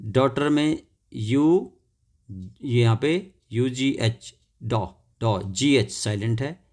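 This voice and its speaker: A man's voice: mid-range voice, extremely slow, a little mellow. A man teaching an English lesson, spelling words out letter by letter and checking in with students after each point. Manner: repeats words and adds "theek hai" checks. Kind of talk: classroom lesson explanation.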